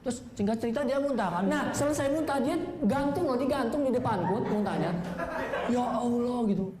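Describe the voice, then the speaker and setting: A man's voice: very high voice, a little fast, crowd noise. A young man from Bali doing a stand-up comedy set, telling stories and acting out the voices of people in them. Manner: storytelling, acting out quoted voices. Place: comedy stage indoors. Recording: roomy stage echo.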